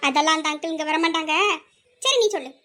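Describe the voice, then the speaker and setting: A woman's voice: high voice, animated, quick pace, bright, forceful tone. A woman voicing a chatty schoolgirl who teases her friend and keeps pressing her with questions, in an amateur audio drama. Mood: teasing.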